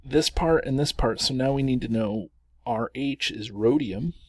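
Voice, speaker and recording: A man's voice: mid-range voice, unhurried, dry recording. A man teaching chemistry through worked examples, chatty and self-correcting, chuckling at the long names.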